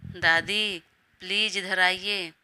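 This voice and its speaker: A woman's voice: on the low side, fairly even intonation, takes it slowly, bright, forceful tone, clean tone, heavily acted. A woman voicing a defiant young bride who complains and schemes against her husband. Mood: whining.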